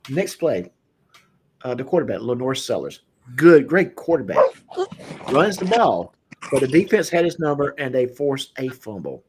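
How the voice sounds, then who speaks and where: A man's voice: medium pitch, sing-song, normal speed, darkish tone, slight background noise. A man hosting a casual drinking chat show, rambling with lots of fillers and easy laughs. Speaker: podcast host.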